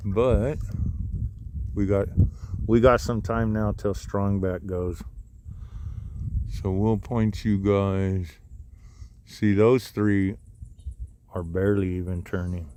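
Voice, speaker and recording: A man's voice: lowish voice, fairly even intonation, takes it slowly, pauses often, dark tone, a little hiss or hum. A man hosting a casual outdoor live stream, talking in a loose, rambling way with many asides and restarts. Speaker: livestream host. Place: outdoors near wind turbines, breezy.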